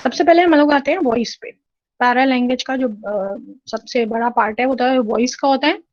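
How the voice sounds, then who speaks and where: Higher-voiced woman lecturing over slides. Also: a little fast, darkish tone, no room sound. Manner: explanatory, frequent 'theek hai' check-ins. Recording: dull, lo-fi and dry.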